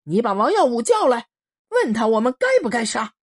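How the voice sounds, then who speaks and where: A woman voicing a big, defiant male veteran prisoner who shouts in fury, in a storybook reading. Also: on the high side, very animated, a little fast, voice pushed up. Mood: furious.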